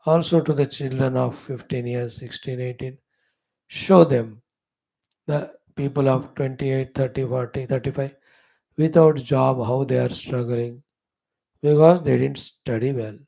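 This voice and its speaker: Gravelly North Indian man giving scripture discourse. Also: mid-range voice, steady tone, dark tone, low-quality recording. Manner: explanatory, halting phrases, checks with "isn't it", slips into Hindi. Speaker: spiritual teacher. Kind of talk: scripture discourse, informal teaching.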